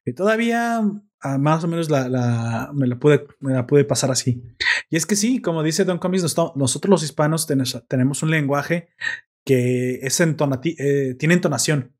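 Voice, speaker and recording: Animated, opinionated man chatting. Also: fairly high pitch, normal speed. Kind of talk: casual chat.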